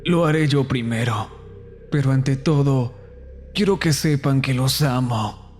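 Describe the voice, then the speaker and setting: A man voicing a grieving, despairing father who speaks quietly in a horror story. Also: medium pitch, unhurried, soft background music, lightly acted. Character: grieving, broken middle-aged father.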